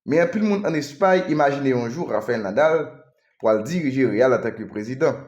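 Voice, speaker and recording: A man's voice: medium pitch, lively intonation, moderate pace, darkish tone, reverberant, lo-fi sound. A man with a Haitian accent presenting sports news, moving between Creole and French and reading quotes aloud.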